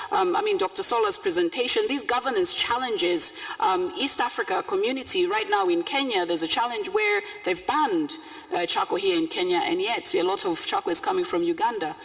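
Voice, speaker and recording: A woman's voice: medium pitch, vocal fry. A woman from Zambia giving emphatic, spontaneous closing remarks at a conference panel. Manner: animated, emphatic, challenging. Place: conference room. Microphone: speaking from her seat, away from the podium mic.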